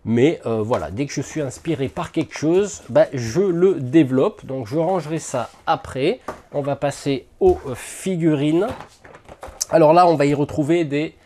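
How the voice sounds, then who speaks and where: A man's voice: fairly high pitch, moderate pace, warm tone, slight background noise. A man hosting a miniatures hobby channel, casually unboxing and thinking aloud to the camera with lots of hesitant fillers.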